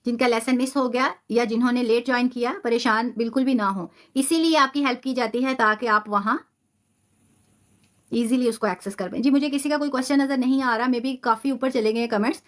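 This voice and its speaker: Speaking with fairly even intonation in a high voice, a woman runs a live online tajweed class. She goes over each term again and again, elongates example sounds, and sprinkles English into what she says.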